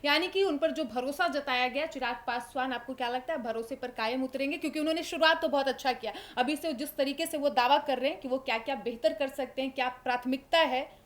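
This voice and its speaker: A woman's voice: high-pitched, fairly quick. A woman news anchor moderating a studio panel, steering the talk and putting questions to the others. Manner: leading, poses questions to the panel.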